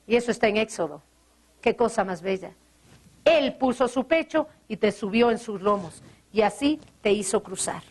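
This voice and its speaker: High-voiced woman pastor preaching. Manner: earnest preaching with rhetorical questions and scripture quotes. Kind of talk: sermon.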